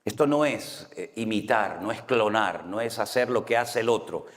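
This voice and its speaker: A Spanish pastor with a Canary Islands accent delivers a chatty, anecdote-filled sermon, frequently asking the congregation "right?" His voice is lowish and paced normally, and a long hall reverb trails behind it.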